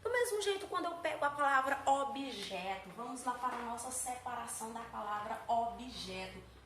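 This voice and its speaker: A woman gives a lesson in a high voice, animated and chatty. She stops often to check that her students are following. Her voice echoes around the room, and there is faint noise in the background. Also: moderate pace. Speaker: teacher. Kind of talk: explaining grammar to students.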